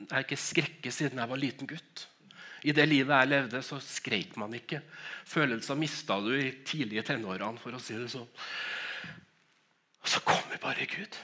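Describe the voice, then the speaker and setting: A middle-aged man gives a sermon built on his personal testimony. His voice is bright and forceful, at an ordinary male pitch. He tells it with feeling and keeps restarting his words. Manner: emotional storytelling, stammering restarts, frequent laughs. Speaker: preacher.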